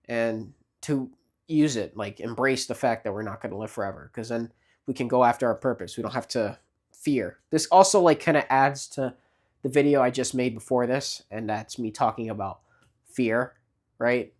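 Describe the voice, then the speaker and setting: A man's voice: medium pitch, moderate pace, darkish tone. A man in his late twenties giving casual motivational advice, rambling with many fillers and restarts. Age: 20s. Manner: frequent restarts and repeated words. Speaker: vlogger.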